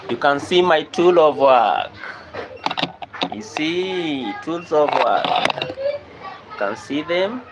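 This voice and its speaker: A man's voice: on the high side, huge pitch swings, takes it slowly, pauses often, lo-fi sound. A Kenyan man hosting a casual live stream, greeting viewers by name and repeatedly asking them to like and subscribe, talking into a computer microphone. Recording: loud background noise.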